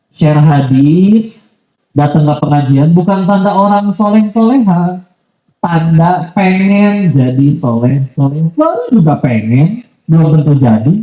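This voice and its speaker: A man's voice: fairly high pitch, dark tone, roomy sound, rough recording. A man giving a casual, conversational sermon as a preacher, full of asides and polite apologies. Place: mosque.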